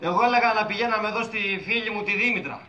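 An actor playing a flirtatious, persistent suitor in a stage comedy. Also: male voice, high voice, pushed and bright, highs cut off. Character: flirty pushy suitor, adult man.

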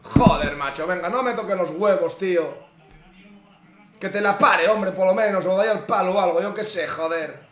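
A man's voice: high voice, moderate pace, a bit bright. A young man with a Spain Spanish accent, reacting live to a football match, swearing and exasperated at the screen. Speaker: streamer. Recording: echoey room.

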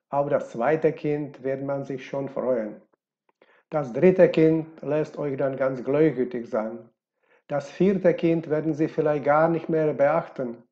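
A man reading the part of a grumpy, knowing old village doctor, gruff and brusque. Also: mid-range voice, mellow, highs cut off, natural voice. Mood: grumbling.

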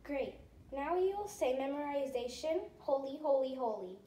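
A woman off camera who gives short, clear instructions and encouraging praise as a competition examiner, announcing each next item. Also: high voice, expressive, normal speed, mellow. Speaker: competition examiner prompting a child. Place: indoor room, off camera. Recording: roomy, from far off, faint hiss.

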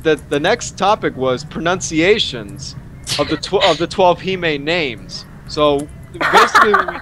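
A man with an American accent hosts a casual podcast chat over a group voice call, his voice pitched on the high side with a sing-song, unhurried delivery. His tone is bright and forceful with some vocal fry, and there's a slight hiss or hum on the audio. He laughs often and fills his talk with fillers and restarts.

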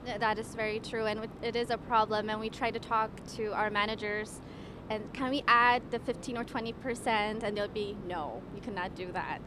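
A young woman from Ethiopia working as a waitress, answering street interview questions in a measured, polite way. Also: medium pitch, steady tone. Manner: measured and polite, occasional stammered restarts. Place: outdoors on a city street. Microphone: handheld microphone held by interviewer. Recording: street noise outdoors.

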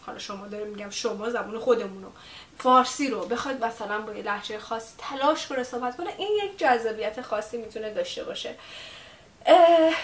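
Chatty woman in an echoey room. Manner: chatty, digresses, mixes in English words. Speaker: online English teacher. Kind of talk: casual talk to camera. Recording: echoey room, mic far off, faint rumble.

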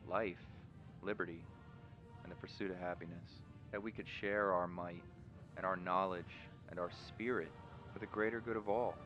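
A man voicing an earnest, weary leader making a solemn, measured address in an animated game parody. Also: sits low, natural voice. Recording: dull broadcast sound under loud music.

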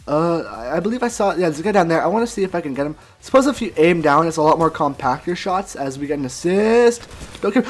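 A young man giving live commentary over his gameplay, excitable and quick to yelp when the action gets intense. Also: high-pitched. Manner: excitable, yelps when things get intense. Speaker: gaming commentator. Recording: faint music behind the voice.

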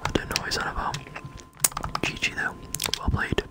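A person whispering short, low-key ASMR commentary while playing a game, in a breathy, unvoiced voice close to the mic. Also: normal speed. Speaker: gaming video host. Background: keyboard or controller clicking.

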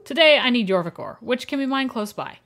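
A woman voicing a kindly older male village blacksmith in a vague put-on accent, reading game dialogue aloud in a formal, warm way. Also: on the high side, lively intonation, fairly quick, pitched above the performer's own voice. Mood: earnest.

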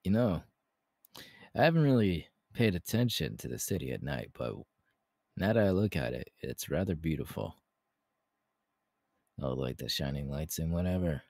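Very deep, gravelly Hawks, romantic ASMR man acting. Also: sing-song, a little mellow, dry recording, studio quality, heavily acted. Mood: relaxed, playful. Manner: intimate, halting, breathy laughs and sighs. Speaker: voice actor, ASMR artist. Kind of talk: romantic ASMR audio roleplay.

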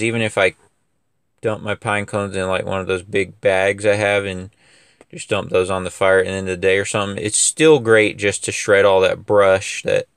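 A young man who runs a lawn care business chats casually in a wooded yard outdoors for an equipment review vlog, rambling loosely with lots of fillers and restarts. His voice sits low and a bit bright, with a clean tone, no room sound and clean studio-quality audio.

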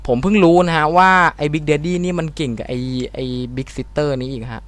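A young man hosting a let's play video, commenting on his gameplay casually, swearing and swinging between startled shouts and low mutters. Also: normal speed. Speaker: gaming channel host.

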